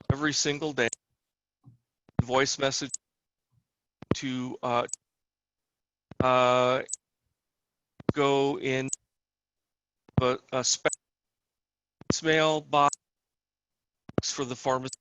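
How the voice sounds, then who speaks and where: A man speaking slowly over a video call with a bad internet connection. His bright, tense voice keeps dropping out, so his speech comes through in broken fragments. He answers questions as a state pharmacy official. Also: medium pitch, highs cut off, slight background noise. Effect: bad internet connection, audio cutting in and out. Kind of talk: webinar Q&A answers.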